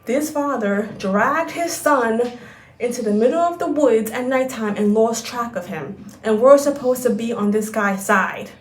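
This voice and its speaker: Woman vlogger, ranting film recap, fairly high voice, echoey room. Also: measured pace. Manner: animated, exasperated, profane.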